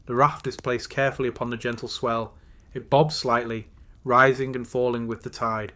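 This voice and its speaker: A male narrator reads a guided bedtime story at a medium pitch. His delivery is slow, soothing and measured. He sets phrases apart with unhurried pauses. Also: flat delivery, pushed and bright.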